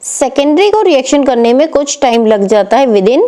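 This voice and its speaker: Woman chemistry tutor, high mellow voice, patient step-by-step explaining. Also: lively intonation, moderate pace. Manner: explains step by step, asks and answers own questions. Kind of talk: exam paper walkthrough lesson.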